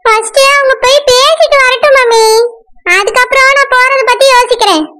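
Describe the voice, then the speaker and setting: A woman's voice: extremely high pitch, moderate pace, pushed and bright. A woman voicing a spoiled, stubborn young married daughter in a cartoon, with a whiny, complaining manner and a Tirunelveli Tamil accent. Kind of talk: cartoon voice acting.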